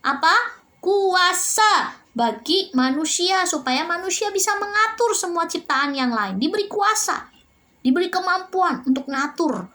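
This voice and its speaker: A woman's voice: very high voice, pushed and bright. A woman teaching young children a religion lesson at home, asking them questions in a sing-song way and answering them herself. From Indonesia. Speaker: primary school religion teacher.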